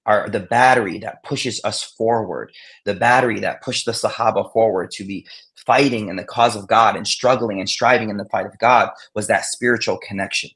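A man giving sermon-like final reflections on a panel, with halting restarts and recited Arabic verses. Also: lowish voice, fairly even intonation, a bit bright. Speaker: speaker on a panel.

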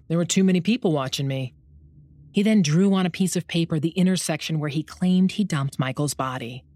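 A woman narrating a true-crime documentary in a measured, scripted delivery. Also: lowish voice, darkish tone, no echo. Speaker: podcast narrator.

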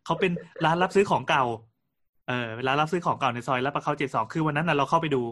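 A man's voice: a little high, racing, fairly bright tone. Man telling a story in casual chat. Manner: storytelling with frequent restarts and fillers. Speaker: podcast co-host.

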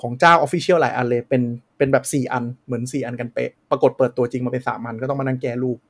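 A man's voice: medium pitch, fast talker, fairly bright tone. A man co-hosting a casual tech podcast, explaining at length with many fillers. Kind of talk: casual chat.

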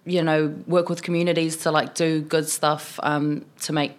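A New Zealand woman in her twenties, a city councillor, chats casually in a podcast interview with a New Zealand accent. Her deep voice has little pitch movement, her pace is moderate, and she's full of fillers like "um" and "like."

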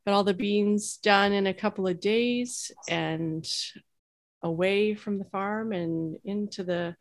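A woman's voice: medium pitch, slow pace. A woman co-hosting a farm podcast with a casual, dry, sarcastic humor. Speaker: podcast co-host, dairy farmer. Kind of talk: casual chat.

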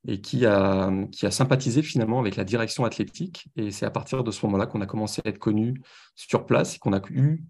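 A man's voice: on the low side, fast, vocal fry, darkish tone. Man with a French accent, chatty guest. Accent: French from France. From France. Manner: repeats words while searching, chatty. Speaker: podcast guest, sports website founder. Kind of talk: casual interview.

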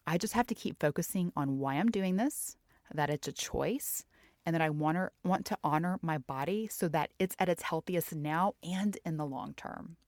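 Low-voiced woman podcasting. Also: moderate pace, darkish tone, dry recording, clean studio sound. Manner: candid, reflective, conversational with fillers. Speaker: podcast host and health coach. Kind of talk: personal faith-based podcast talk.

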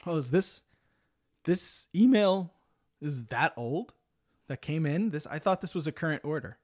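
A man's voice: on the high side, animated, a little slow, a little mellow. A man hosting a podcast in a casual, chatty style. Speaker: podcast host.

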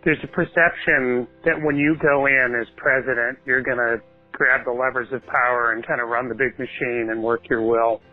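A man's voice: mid-range voice, fairly even intonation, moderate pace, faint music behind. A man leaving a reflective voicemail in a conversational way over a phone line. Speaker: caller. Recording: tinny phone line, dry.

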